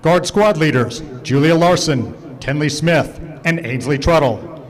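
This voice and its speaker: A man announcing over the PA system at a football stadium, reading a halftime introduction and a list of names in a formal, measured way. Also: fairly high pitch. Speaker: stadium public address announcer. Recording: PA speakers with long stadium reverb.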